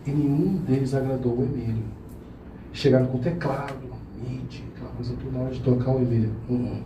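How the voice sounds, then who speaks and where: A man who is a pianist, telling a story to a live audience in an animated, laughing way and acting out the voices he quotes. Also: medium pitch, a little fast, muffled recording, background noise. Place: room with a small audience. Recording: echoey room, mic at a distance.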